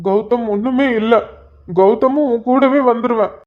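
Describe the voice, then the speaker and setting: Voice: medium pitch, moderate pace, phone-quality sound, close to an everyday voice. A young husband in a cartoon, fretful and pleading, who keeps repeating himself. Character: devoted, worried young husband. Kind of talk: cartoon voice acting.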